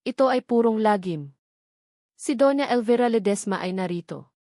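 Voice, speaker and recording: Narrating a scripted romance drama, this Filipino-accented woman keeps a measured, dramatic storytelling pace broken by brief pauses. She pitches on the high side with lively intonation and a mellow tone, captured in echo-free studio quality.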